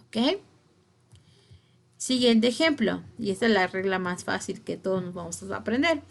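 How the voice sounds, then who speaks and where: A woman teaches a spelling lesson at a slow, careful pace. Her voice sits at a middling pitch. She leans on the key words and keeps asking her class if they follow. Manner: slow, deliberate, stresses key words and checks understanding.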